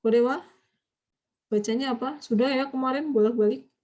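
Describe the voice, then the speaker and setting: A woman's voice: sits high, normal speed, a little mellow, dull audio. A woman teaching a Japanese vocabulary class, quizzing her students and prompting them to hurry up with their answers.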